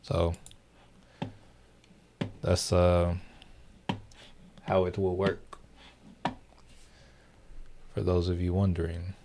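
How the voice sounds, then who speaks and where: Very slow and completely flat, this young livestream host's low, mellow voice comes with frequent pauses and a little hiss or hum in the audio. He chats casually with viewers, rambling through fillers and restarts.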